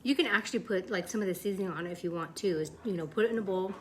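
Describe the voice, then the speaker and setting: A woman's voice: mid-range voice, very fast, slight background noise. A woman hosting a casual home cooking show, chatting enthusiastically to her viewers as she demonstrates a recipe in her kitchen. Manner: chatty, enthusiastic, addresses viewers as "you guys".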